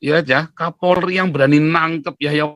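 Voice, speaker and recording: A man giving an animated, lecturing monologue to his viewers, often pushing his voice up toward a near-shout. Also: on the high side, normal speed, no echo. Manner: rhetorical tag questions. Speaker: YouTube commentator. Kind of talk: casual monologue.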